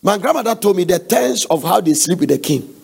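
A man's voice: sits high, animated, fairly quick, vocal fry, darkish tone, slightly rough. A man preaching an earnest sermon, exhorting and telling family stories. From Nigeria.

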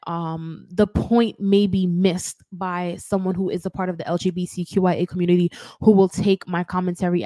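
A woman's voice: lowish voice, mellow, no echo. A woman with a Jamaican accent hosting a casual commentary show, chatty and careful, often correcting herself. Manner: chatty, hedging, self-correcting. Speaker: host.

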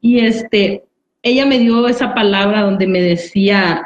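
A woman's voice: mid-range voice, a little slow. A woman giving an earnest personal church testimony, repeating phrases and often asking "¿verdad?". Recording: roomy, dull recording.

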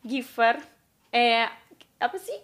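A woman's voice: a little high, expressive, slow, a bit bright. A woman in her twenties co-hosting a casual chat, talking loosely and dropping English phrases into her speech. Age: 20s. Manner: chatty, mixes English phrases into her talk. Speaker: podcast co-host.

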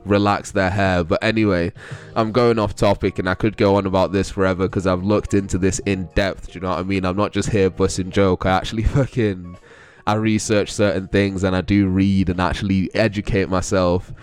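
A man's voice: low-pitched, flat delivery, fairly quick. A young man with a London accent chatting casually as a vlogger, rambling and slangy. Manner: rambling, slangy, often breaks into chuckles. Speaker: vlogger giving commentary. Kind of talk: casual chat.

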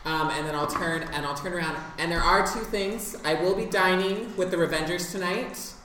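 A man at a tabletop game barks orders at an imagined kitchen staff and rambles between them. He sits back from the mic in a very echoey room. A steady noise sits underneath. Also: sits high, normal speed. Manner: bossy, rambling, slips into giving orders in character. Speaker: player. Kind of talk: playing a character in a tabletop game. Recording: echoey room from far off, noisy.

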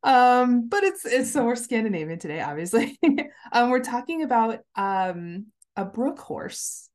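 A woman's voice: on the high side, sing-song, a little slow, darkish tone. A woman co-hosting a podcast in casual chat, chatty and giggly with lots of fillers. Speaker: podcast co-host.

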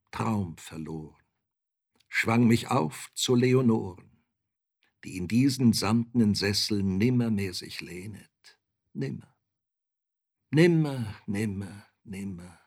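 A man giving a theatrical poetry recitation, sinking to hushed murmurs and rising to impassioned outcries. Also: medium pitch, vocal fry.

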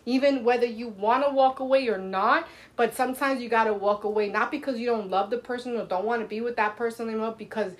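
An outspoken woman hosting a casual talk show, emphatic and free with swearing, repeating phrases to drive points home. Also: fairly high pitch. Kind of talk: casual chat.

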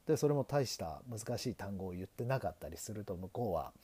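Man, middle-aged, from Japan, podcast host, mellow dark tone, measured and earnest. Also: lowish voice, lively intonation, husky. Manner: earnest, self-deprecating, measured. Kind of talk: solo podcast talk on learning English.

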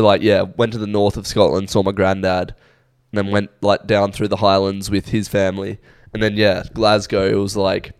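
Young Aussie bloke, podcast host, rambling casual storyteller, smooth low voice, dry sound. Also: male voice, no echo. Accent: Australian. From Australia. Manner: laid-back, rambling storytelling with many fillers. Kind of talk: casual chat.

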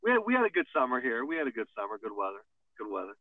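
A man's voice: medium pitch, wildly swooping pitch, very fast, a little hiss or hum. A man with a Chicago accent co-hosting a podcast in laid-back, profane banter. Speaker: podcast co-host. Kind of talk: casual chat. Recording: tinny phone-like line, dry.

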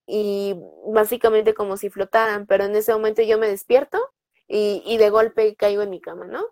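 A woman's voice: medium pitch, darkish tone, dry recording. A young adult woman with a Mexican Spanish accent, casually telling personal stories with lots of fillers and tag questions. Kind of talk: casual storytelling.

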